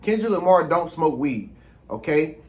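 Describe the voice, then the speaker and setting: An American man with a fairly high voice delivers an informal, rambling monologue as a vlog host. He speaks in street slang and keeps circling back with little check-in phrases to make sure he is followed. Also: sing-song, moderate pace.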